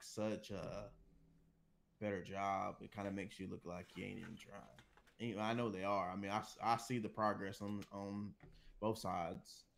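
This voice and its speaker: A man's voice: on the low side, gravelly. A man co-hosting a casual gaming podcast over voice chat, laid-back and rambling, swearing often. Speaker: podcast co-host.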